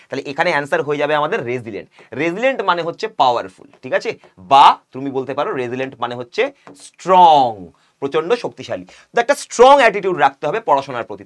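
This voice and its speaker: A young male teacher with a Bengali accent explains exam English, reading questions out slowly and then asking and answering his own questions. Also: fairly high pitch, fairly bright tone. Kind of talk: exam-prep video lesson.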